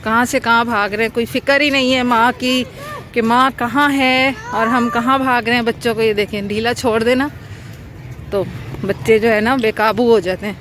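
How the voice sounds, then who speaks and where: A woman's voice: a little high, fairly even intonation, moderate pace, a bit bright. A woman from Pakistan with a Pakistani Urdu accent, vlogging as a mother in an outdoor park. She narrates casually to the camera while coaxing and scolding her children. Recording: noisy outdoor park recording.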